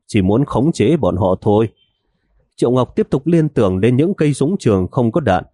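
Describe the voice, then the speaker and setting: Male audiobook narrator, low voice, mellow tone, dry sound. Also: no echo. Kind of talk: scripted novel narration.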